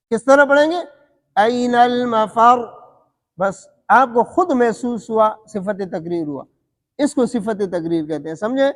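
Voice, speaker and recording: A man teaching Quran recitation rules, asking his students questions and answering them himself, and stretching out letter sounds to show them. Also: extremely high pitch. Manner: demonstrates letter sounds slowly. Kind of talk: tajweed lesson. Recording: long hall reverb.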